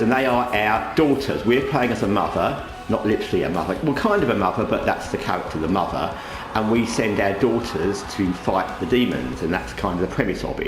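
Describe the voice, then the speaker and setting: A man hosting a gaming channel in casual, rambling commentary, talking with a towel over his head. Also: on the low side. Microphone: microphone under a towel draped over the head. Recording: roomy echo, faint background noise.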